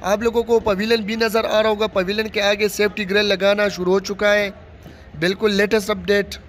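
A man's voice: high-pitched, little pitch movement, a little fast, fairly bright tone, slight background noise. A man from Pakistan narrating a casual walking tour of a large stadium under construction, recorded outdoors on a handheld phone, talking in plain running commentary and repeating his phrases. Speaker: vlogger giving a site tour. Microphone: phone camera held by the speaker.

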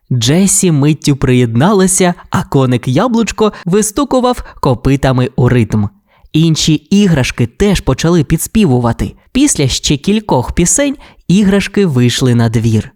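A woman narrating a children's audiobook tale in an expressive, animated way. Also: low-pitched.

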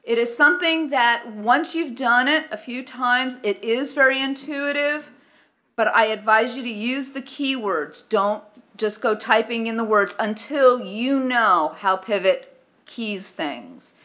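Female presenter, middle-aged, forceful bright voice, slightly high, conversational how-to delivery at a podium mic. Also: measured pace. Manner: conversational, explanatory. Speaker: presenter, research office staff. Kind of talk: informal instructional presentation. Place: conference room, at a lectern. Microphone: gooseneck lectern microphone.

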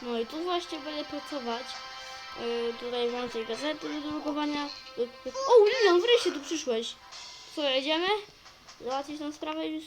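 A woman chatting in character as she plays a role-play story, narrating her own actions with sudden excitable outbursts. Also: sits high, moderate pace, music in the background, rough recording.

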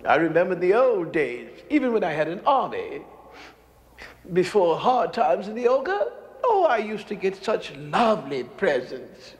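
A man's voice: sits high, sing-song, unhurried. Fussy, swooping fairy-tale king. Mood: wistful. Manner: theatrical, grandly indignant. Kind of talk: comic fairy-tale drama. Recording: echoey stage-set room.

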